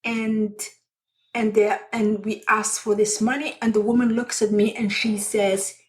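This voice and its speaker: Woman, middle aged, telling her story on her podcast, earnest and slow with little restarts. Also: mid-range voice, level tone, poor audio. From Somalia. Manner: earnest, unhurried, with pauses and restarts. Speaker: podcast host.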